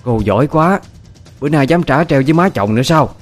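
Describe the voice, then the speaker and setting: A man's voice: mid-range voice, expressive, quick pace, soft background music, natural voice. A man voicing a harsh, suspicious older mother-in-law, who scolds and accuses. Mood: scolding. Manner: scolding, accusing, sharp-tongued.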